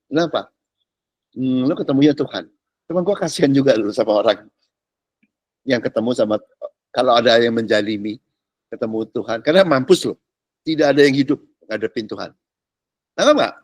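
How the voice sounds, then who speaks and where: A middle-aged male pastor teaching a discipleship class in casual slang, teasing his listeners with rhetorical questions and swinging between loud and soft. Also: medium pitch, no room sound. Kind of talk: animated sermon teaching. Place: church classroom.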